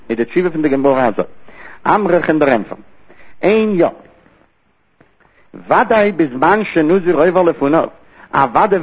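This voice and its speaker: A man's voice: on the high side, breathy edge. Talmud teacher, male, explains in short repeated phrases, tinny phone-quality recording. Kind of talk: Talmud study lecture.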